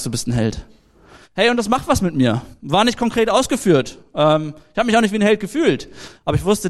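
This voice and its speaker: High-voiced man preaching a casual sermon. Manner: lively, anecdotal, direct address to the audience.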